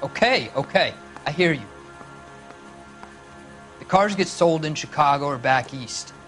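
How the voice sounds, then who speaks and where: A man's voice: a little high, expressive, a little slow, a bit bright, soft background music. A man playing a cornered suspect in a video game interrogation, defiant and defensive, with an American accent. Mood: grudging, resigned. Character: cornered male car-thief suspect, defiant, sullen, cracking under pressure.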